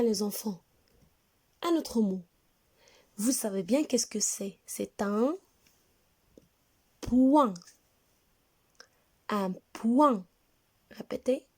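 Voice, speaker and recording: Patient schoolteacher, woman, for a children's reading lesson: unhurried, warm mellow tone, clear diction. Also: a little high. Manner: slow, clear, patient, spells words letter by letter. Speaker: primary school teacher.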